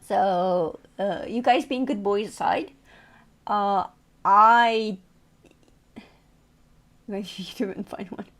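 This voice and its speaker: A woman's voice: medium pitch, drawn-out words, pauses often, a bit bright. A woman streamer chatting casually with her viewers, playful and teasing, laughing often.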